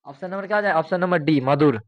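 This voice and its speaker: A man teaching, his voice pitched a little high. He reads out multiple-choice questions, repeats them and prompts students to answer. The sound is close and dry. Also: quick pace, no room sound, muffled recording. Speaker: exam coaching teacher. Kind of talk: exam question walkthrough.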